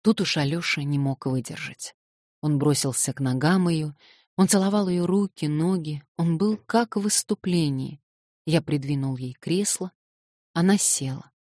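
Give me a woman narrator, measured and expressive, recorded close on a studio mic with a dry sound. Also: low-pitched, no room sound. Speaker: audiobook reader. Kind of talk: audiobook narration of a classic novel.

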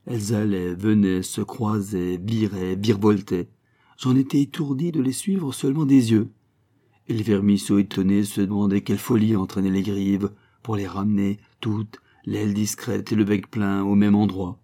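A man narrating a literary short story in a measured, expressive reading style. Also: on the low side.

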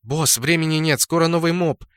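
Brief: man doing a spiteful young woman fighter, higher and pushier, dry close read. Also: moderate pace, smooth, no echo, close to an everyday voice. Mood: impatient. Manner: hissing, shrill, hostile. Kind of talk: audiobook character voice.

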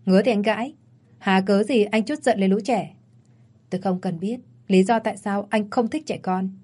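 A woman's voice: medium pitch, moderate pace, dark tone, slightly rough, close to an everyday voice. A woman voicing a blunt, defiant pregnant young country wife in an audio story.

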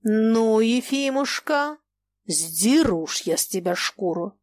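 A woman voicing a cantankerous old merchant who lectures sarcastically and turns shrill when angry. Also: animated, measured pace, lightly acted. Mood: furious. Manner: scolding, sarcastic, turning shrill when enraged. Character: cantankerous old merchant man, sly, quick to rage.

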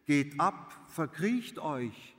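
Hard-hearted maid, voiced by a man, slow, reverberant hall. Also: fairly high pitch, sing-song, heavily acted. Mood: contemptuous. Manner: curt, hard. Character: harsh, contemptuous serving maid, woman.

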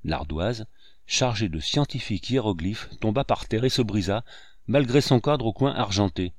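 A man narrating a classic novel as an audiobook in a measured, even reading. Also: fairly low pitch, no echo, clean studio sound. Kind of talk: scripted narration.

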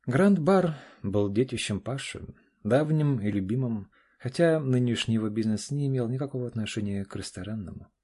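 A man narrating an audiobook in a measured, even storytelling manner. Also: mid-range voice, slightly rough. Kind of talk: scripted narration.

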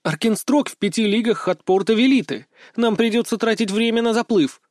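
A man's voice: sits high, brisk, no room sound, clean studio sound, pitched above the performer's own voice, close to an everyday voice. A man voicing a stern, curt woman ship captain in an audiobook. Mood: sharp. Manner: curt, sharp, strict. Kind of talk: audiobook character voice.

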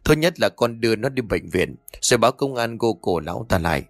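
A man's voice: fairly low pitch, expressive, brisk, no echo, clean studio sound. A man voicing an angry, bossy grandmother in an audio ghost story, scolding and threatening.

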